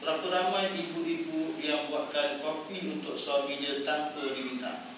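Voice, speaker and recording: A man with a Malaysian Malay accent giving a lively, playful religious lecture in a prayer hall, often quizzing his audience. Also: fairly high pitch, normal speed. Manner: playful, quizzes audience, acts out wives' voices. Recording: echoey hall, distant mic, noisy.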